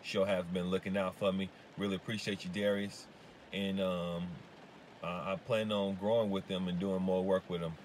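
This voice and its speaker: A very deep-voiced man talks casually to his viewers about running a lawn care business. His talk is halting, with lots of "um"s and restarts. Faint noise hums behind him. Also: level tone. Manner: halting, full of fillers and restarts. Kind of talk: casual advice vlog.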